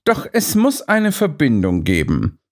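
A man voicing a sharp, aloof detective who speaks dryly and curtly in an audiobook. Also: a little high, wildly swooping pitch, a little slow, pitched above the performer's own voice, heavily acted. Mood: cool, dry. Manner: dry, detached, curt.

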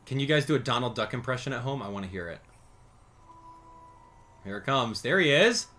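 A man's voice: medium pitch, expressive, fairly quick, pushed and bright, faint music behind. A man in his thirties hosting a video game livestream, chatting casually and animatedly with his viewers. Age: 30s. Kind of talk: casual gaming livestream commentary. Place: indoor streaming setup.

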